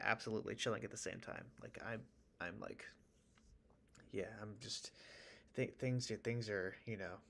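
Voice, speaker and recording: A man streaming live as a music producer, chatting in a relaxed, rambling way with stammered restarts, still in his morning voice. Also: fairly low pitch. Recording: music playing faintly behind.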